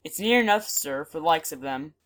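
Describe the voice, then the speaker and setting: A woman plays a wary country manservant in a storybook tale. His voice sits fairly low and he speaks firmly, with stubborn, rustic, plain-spoken phrasing. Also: lively intonation, fairly quick. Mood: bold, firm.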